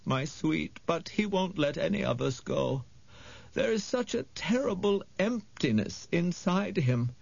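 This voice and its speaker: A sorrowful ancient woman, put on by a male audiobook reader, her high voice worn thin and creaky. She speaks slowly and tenderly, as if every word costs her. The read sounds dry and a little dull. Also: a little mellow, dry recording, exaggerated voice. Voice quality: creaky, frail. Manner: slow, tender, calling the boy "my sweet".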